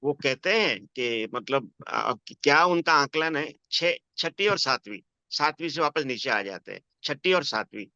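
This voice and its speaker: A man in a casual spiritual discussion, asking thoughtful questions in a halting way as he searches for words. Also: fairly high pitch, lively intonation, bright, forceful tone, no echo, dull audio. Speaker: conversation partner asking questions.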